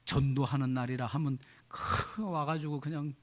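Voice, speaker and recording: A man's voice: medium pitch, steady tone, normal speed. A man preaching a sermon as a pastor. He acts out quoted prayers and keeps asking the congregation questions.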